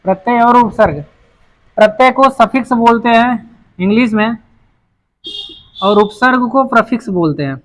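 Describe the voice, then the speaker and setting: A man's voice: very high voice, normal speed, pauses often, low-quality recording. A man teaching English grammar at a board, explaining patiently and repeating himself, often restarting a phrase while he writes. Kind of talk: whiteboard lesson explanation.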